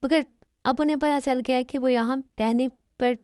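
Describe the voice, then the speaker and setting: A woman voicing a young woman on the edge of tears, pleading and reproachful in an amateur dubbed love story. The voice sits a little high, with a mellow, dark tone and a dry, close sound. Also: steady tone, moderate pace, no room sound, lightly acted. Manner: pleading, emotional.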